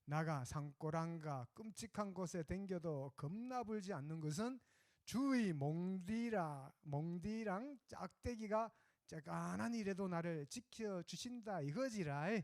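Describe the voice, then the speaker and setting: This is a hearty, drawling country man with a thick Jeolla accent, as a pastor puts him on, reciting a psalm in homespun phrases full of exclamations. The voice rides high and lively, and the recording is dry and close. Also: measured pace, no room sound. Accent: Jeolla dialect. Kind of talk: sermon illustration, dialect recitation.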